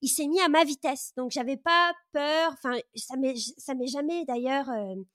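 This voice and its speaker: A woman's voice: sits high, moderate pace, a bit bright, no room sound, clean studio sound. A woman in her thirties, a podcast host, telling her personal story in a casual, enthusiastic way with many hesitations and restarts. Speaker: podcast host, guest of this episode.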